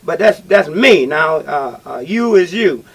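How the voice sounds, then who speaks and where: A man hosting a talk radio call-in show, speaking in a halting, repetitive and emphatic way. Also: a little high, expressive, vocal fry, slightly rough.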